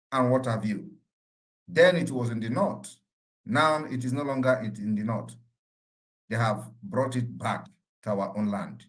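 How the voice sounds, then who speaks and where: A man's voice: medium pitch, low-quality recording. A man answering questions as a political leader in an online meeting, speaking emphatically with repeated rhetorical phrases. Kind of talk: forceful political address.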